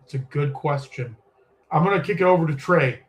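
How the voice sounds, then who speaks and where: Man, podcast host, high voice, casual chat, teasing, jokey. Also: fairly quick.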